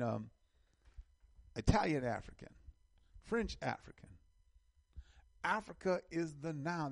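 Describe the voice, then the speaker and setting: A man's voice: mid-range voice, vocal fry, no room sound, studio quality. A middle-aged man from the United States hosting an online show, giving casual commentary while reading an article, emphatic and repeating phrases as he builds lists.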